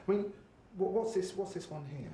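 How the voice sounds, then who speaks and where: A man's voice: high voice, moderate pace, mellow, a little hiss or hum. A man presenting a food show, narrating with a playful, theatrical delivery and chatting with guests.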